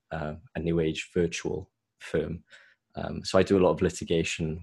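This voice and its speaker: A man with a soft South Welsh accent, chatting casually as a guest in an interview. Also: sits low. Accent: South Welsh, softened. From South Wales. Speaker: podcast guest, solicitor.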